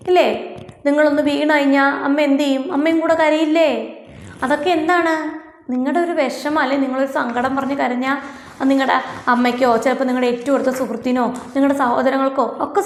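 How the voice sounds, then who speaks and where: A woman teaching an English lesson to young children, coaxing them with many questions and reading English lines slowly. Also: high voice, reverberant.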